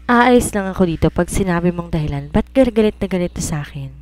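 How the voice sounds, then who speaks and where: A woman's voice: fairly low pitch, animated, a little fast, darkish tone, natural voice. A woman voicing a desperate young woman pleading with the man she loves in an audio romance story. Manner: pleading, emotional.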